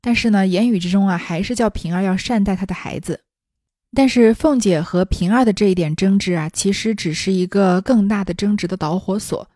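A woman's voice: mid-range voice, fairly quick, dark tone, no echo, studio quality. A woman reading a classic novel aloud and explaining it in conversational asides. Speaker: storyteller.

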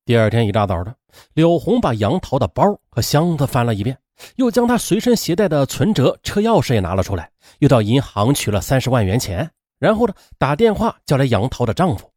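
Animated male true-crime storyteller. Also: dry recording, studio quality. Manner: animated, acts out women's lines in a high strained voice; colloquial with drawn-out particles. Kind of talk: dramatic true-crime narration.

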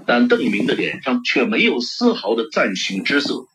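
Expressive male audiobook narrator. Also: medium pitch, normal speed, vocal fry, a little hiss or hum. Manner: expressive storytelling. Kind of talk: novel narration. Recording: dull lo-fi recording.

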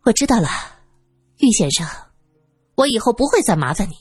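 A composed female doctor in an audiobook, clipped and formal, with a lively, expressive lilt, as a woman narrator voices her. Her tone is husky and breathy, recorded dry. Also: fairly high pitch, fairly quick, dry recording, faint music behind, pitched above the performer's own voice, exaggerated voice. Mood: cool.

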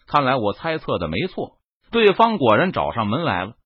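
A man's voice: mid-range voice, wildly swooping pitch, normal speed, husky, dry recording. A man reading an audiobook, voicing a stern, commanding deputy leader of a sect. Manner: stern, clipped orders. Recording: dull lo-fi dry recording.

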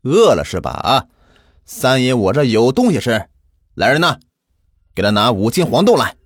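A man's voice: mid-range voice, sing-song, moderate pace, husky, no echo, clean studio sound. A man voicing an arrogant, domineering Ming-era local tyrant who barks orders, in a spoken ghost-story telling. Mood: gloating.

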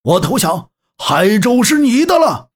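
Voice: medium pitch, sing-song, measured pace, voice pushed up. A storyteller voicing a cruel, boastful male warlord who bellows and then begs. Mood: pleading.

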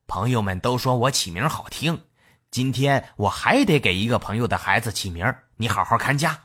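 A storyteller voicing a greedy, sly male cat in a folk tale, in a lower, quieter voice than the narration. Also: expressive, brisk, husky. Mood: smug.

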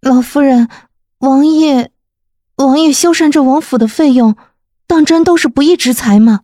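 A woman voicing a polite young maid who speaks gently and respectfully to an old lady. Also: sits high, normal speed, dry recording, clean studio sound, pitched above the performer's own voice, lightly acted. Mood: polite earnest. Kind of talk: audiobook character voice.

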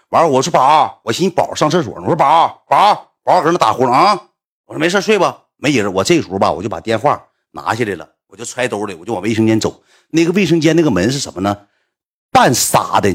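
A man with a Northeastern Mandarin accent telling a story in casual chat, animated and acting out the voices of the people in it. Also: mid-range voice, slightly rough. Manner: animated, acts out quoted voices.

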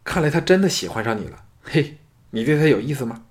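A man's voice: medium pitch, sing-song, quick pace, lightly acted. A man voicing a talkative young male noble in an audiobook, earnest and worried as he speaks. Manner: worried and candid.

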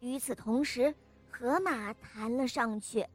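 A woman narrating a children's story with a lively, expressive reading. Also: a little high, slow, soft background music.

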